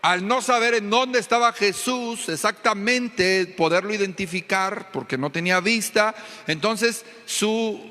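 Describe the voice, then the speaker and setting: A man's voice: high voice, a little slow, pushed and bright. A Mexican man preaching a fervent sermon as pastor, often asking his congregation questions. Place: church hall. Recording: echoey church hall.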